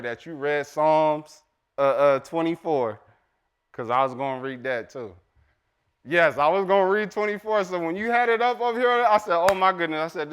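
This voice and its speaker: A man's voice: medium pitch, a bit bright. Chatty man leading a Bible study. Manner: chatty, quizzes the group, Southern-style "y'all"; reads scripture aloud slowly. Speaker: Bible teacher. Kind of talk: casual Bible study teaching.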